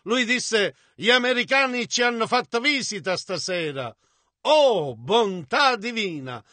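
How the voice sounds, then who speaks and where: A man giving a translated voice-over of a sermon, relaying the preacher's words in a measured, steady way. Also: sits high, no room sound. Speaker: interpreter.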